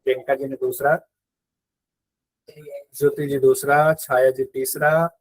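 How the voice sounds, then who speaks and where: A man's voice: mid-range voice, level tone, slow pace, no echo, rough recording. A man teaching a live online yoga exam-prep class in speech, explaining step by step, repeating key terms and quizzing his students.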